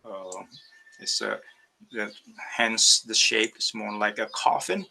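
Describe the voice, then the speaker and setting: On a rough recording, a man speaks slowly in a fairly low, sharp voice with vocal fry. He is an Indonesian ceramic artist giving a hesitant virtual talk with slides over a video call, stumbling through fillers and restarts.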